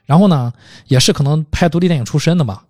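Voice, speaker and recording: A podcast host talks fast about films in a fairly high, slightly mellow voice, recorded dry in a clean studio. The discussion is casual, and he speaks in thoughtful, rambling runs with hesitations.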